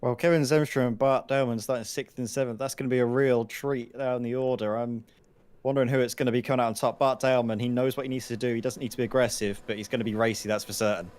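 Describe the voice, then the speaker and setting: A man's voice: mid-range voice, fairly even intonation, fast, a little mellow. A man giving conversational, explanatory analysis as a motorsport co-commentator on sim racing. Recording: clear engine noise behind the voice. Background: race car engines.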